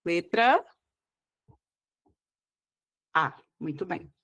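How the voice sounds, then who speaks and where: A woman's voice: on the low side, sing-song, a bit bright, lo-fi sound. A woman with a Brazilian Portuguese accent teaching an exam-prep grammar lesson, explaining step by step and checking in with her students often. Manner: didactic, checks in often with "tá?" and "tá bom?"; slows down to stress key words.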